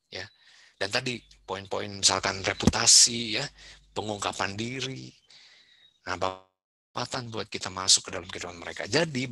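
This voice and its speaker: A man's voice: lowish voice, creaky, sharp tone, breathy edge, dry recording. A man giving a seminar talk to parents at a school, chatting casually and putting questions to the audience. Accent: Indonesian. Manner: conversational, asks the audience questions. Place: school event room.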